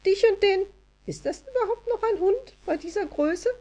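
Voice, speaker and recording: A bright, squeaky little forest elf from a storybook, hurrying her words with forced cheer. Her voice sits far above a normal speaking pitch, put on by a woman reading aloud. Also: expressive, moderate pace. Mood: eager. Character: eager small female forest elf.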